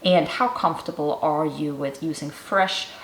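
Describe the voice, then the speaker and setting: A middle-aged woman from Germany hosts her cooking channel, talking through a fermentation recipe in a chatty, instructive way. Her voice sits a little low for a woman. The sound is roomy, with a clear echo around her. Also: normal speed, a little hiss or hum. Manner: chatty and instructive, explaining step by step. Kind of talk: casual how-to vlog narration.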